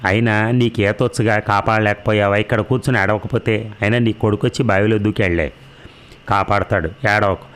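A man's voice: fairly low pitch, fairly even intonation, moderate pace, a bit bright, smooth, close to an everyday voice. A man reading the part of a blunt, scolding village neighbour woman. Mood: sharp. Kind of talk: storybook narration.

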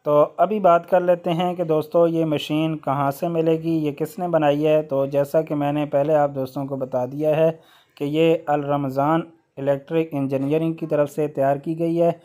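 A man hosting a how-to video, explaining a workshop machine step by step with occasional hesitant "uh" pauses. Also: on the high side, level tone, warm tone. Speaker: electrician channel host.

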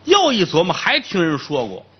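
Lively male storyteller with a lilt. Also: sits high, normal speed, slightly rough, highs cut off. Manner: lively, colloquial, comic asides. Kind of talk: traditional comic storytelling.

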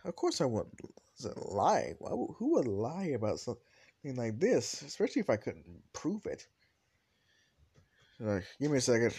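A man voicing a possessive, bossy young woman while retelling a fan story, in a flat, offhand way with restarts. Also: medium pitch, normal speed, vocal fry, long pauses, slightly rough, heavily acted. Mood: smug.

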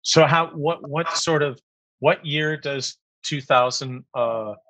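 A man hosting a wine tasting interview on a video call, talking in a relaxed conversational way. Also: fairly high pitch, slow pace, dry recording, poor audio. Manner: relaxed conversational, short backchannels. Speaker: host, wine critic.

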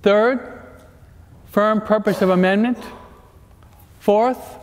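A man's voice: high-pitched, fairly even intonation, takes it slowly. A man giving a parish talk as a priest, mixing jokes with teaching and often checking in with his audience. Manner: joking, keeps checking the audience with questions. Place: large church. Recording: echoey church with long reverb.

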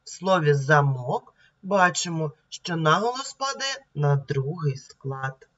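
Slow, deliberate woman teaching young children to read. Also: low voice, animated, muffled recording. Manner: sounds words out slowly and deliberately. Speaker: primary school teacher. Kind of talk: slow, clear reading lesson for young children.

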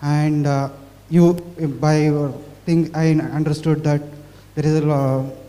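A man in the audience asks a technical question, halting and restarting as he goes. His voice is mellow and a bit high, carried by a long hall reverb. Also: flat delivery. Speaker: audience member asking a question. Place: conference hall.

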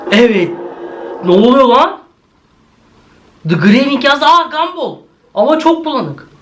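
A man's voice: very high voice, a bit bright, poor audio. A male YouTuber giving a jumpy horror video reaction, swearing often and talking straight to his viewers.

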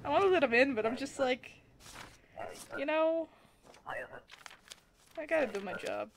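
A woman's voice: sits high, animated, a little slow, gravelly, noisy background. A woman giving casual, flustered running commentary on her gameplay as she plays. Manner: flustered, self-talking, giggly. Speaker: gameplay streamer.

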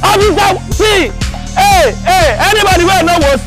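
A man with a Nigerian Pidgin English accent playing an angry man demanding his savings-group money, shouting threats and then softly apologising. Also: extremely high pitch, moderate pace. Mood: furious. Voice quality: loud and insistent, then pleading. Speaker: skit actor. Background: music.

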